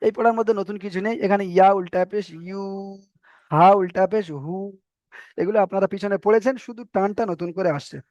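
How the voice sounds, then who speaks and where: A man's voice: high voice, steady tone, brisk, darkish tone, no echo, muffled recording. A man teaching an online Quran reading class, patiently repeating letters and vowel marks so students can copy his pronunciation. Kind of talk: online Arabic reading lesson.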